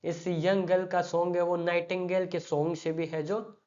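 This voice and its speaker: An Indian-accented teacher giving an exam-prep literature lecture, explaining slowly, repeating phrases and reciting poem lines. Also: mid-range voice, little pitch movement, darkish tone, muffled recording.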